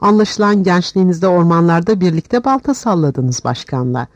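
A man's voice: high voice, animated, moderate pace, no echo, highs cut off, voice pushed up. A man reading the part of a stern, vengeful war minister who speaks in a harsh, commanding way.

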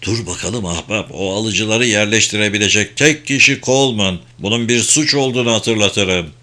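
A man voicing a gruff, short-tempered male intelligence chief in a blustering way while reading a novel. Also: lowish voice, normal speed, pushed and bright.

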